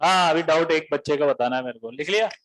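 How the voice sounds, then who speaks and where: A male teacher lecturing a classroom of students, mixing the lesson with teasing jokes. His voice sits high for a man. He talks to the class directly and casually. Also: fast talker, a bit bright, rough recording. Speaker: coaching teacher.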